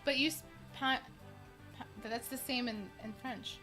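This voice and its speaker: A young woman with a bright, fairly high voice chats excitedly on a gaming stream. She stammers and restarts as her words tumble out. Faint game music sits in the background. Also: moderate pace. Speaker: streamer co-host. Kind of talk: casual gaming stream chat.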